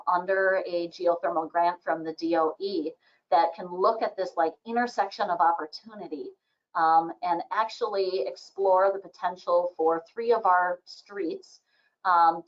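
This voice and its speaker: A woman presenting her nonprofit's projects in a webinar, speaking earnestly with many ums and restarts. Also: on the low side. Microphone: video call. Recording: muffled lo-fi audio.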